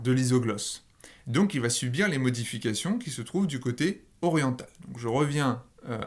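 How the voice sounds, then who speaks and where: A man teaching a linguistics lesson in French. He walks through the rules step by step, with fillers and small asides. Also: a little high. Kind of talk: recorded screen lesson.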